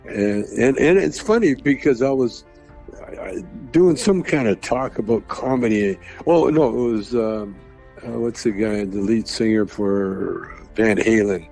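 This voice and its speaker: A man's voice: fairly low pitch, a little slow, vocal fry, a little mellow, faint music behind. A man telling rambling comedy stories in a casual chat and chuckling through them. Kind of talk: casual storytelling.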